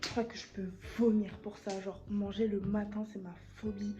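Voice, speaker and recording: A woman's voice: medium pitch, little pitch movement, moderate pace. A woman, chatting casually as she vlogs. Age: late teens. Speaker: vlogger. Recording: muffled lo-fi sound, music behind.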